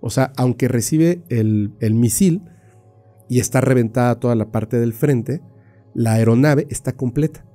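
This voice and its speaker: A man with a very dark, mellow voice tells a story on a podcast. He keeps it casual and animated, leans on fillers and now and then imitates sounds with his mouth. Faint music plays underneath. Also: mid-range voice, unhurried.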